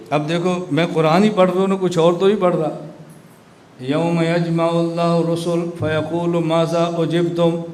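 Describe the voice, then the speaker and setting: A man's voice: a little high, darkish tone. A man gives a sermon-style lecture to students, often asking them rhetorical questions and pressing them to answer. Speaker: religious scholar lecturing students. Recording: echoey room with faint noise.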